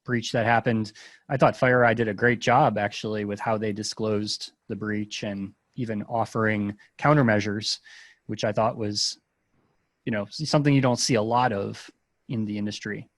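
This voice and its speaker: A man hosting a podcast in casual chat, agreeable and unhurried, asking follow-up questions. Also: on the low side, fairly even intonation, no room sound.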